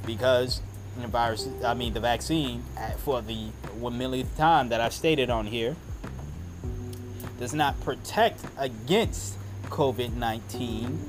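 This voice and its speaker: Male podcast host, conversational and halting, mid-pitched voice, recorded outside among evening crickets. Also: over music. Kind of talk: casual solo podcast monologue. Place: outdoors. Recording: outdoor recording with background sound. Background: crickets at night-fall, outdoor ambience.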